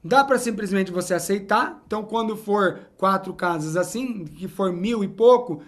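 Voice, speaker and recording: A man's voice: high voice, normal speed. A man teaching a whiteboard lesson, explaining step by step and often saying "então" and "ó". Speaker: English teacher.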